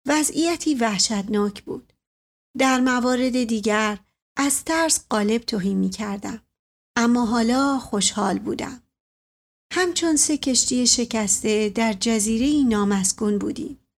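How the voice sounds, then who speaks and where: A woman narrating a first-person story as an audiobook reader in a measured, even manner. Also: a little high.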